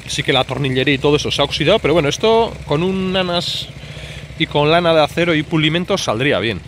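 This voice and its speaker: Talking fast in a fairly bright, slightly high voice with lively intonation, a motorcycle vlogger delivers chatty, off-the-cuff commentary. He's outdoors in a street parking area on a noisy urban street, speaking from behind a handheld phone or camera.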